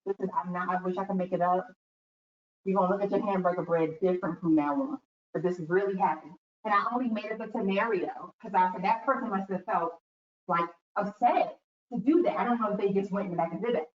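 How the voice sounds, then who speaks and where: A woman's voice: medium pitch, fast. A woman giving a talk to students, telling stories and acting out quotes as she goes. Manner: animated storytelling with acted-out quotes. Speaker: guest speaker. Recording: echoey room, distant mic, dull sound.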